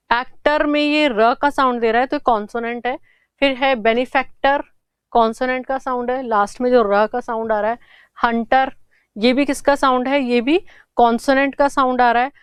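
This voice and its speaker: A woman's voice: fairly high pitch, smooth, no room sound. A woman teaching an English grammar lesson for exam prep, explaining step by step and answering her own questions.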